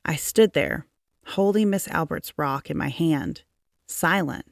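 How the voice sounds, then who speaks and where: In a low, creaky voice, a woman reads a children's picture book aloud, taking her time with measured, expressive phrasing. The sound is close and dry, with no room sound.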